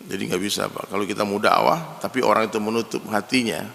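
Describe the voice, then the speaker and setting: A man delivers a sermon with a gravelly, forceful voice. He tells stories in a lively way and keeps turning to speak straight to the men listening. His voice carries a long reverb, as if he were preaching in a spacious hall. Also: lowish voice, fast talker. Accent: Indonesian. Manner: lively storytelling, addresses the men in the audience as "Pak".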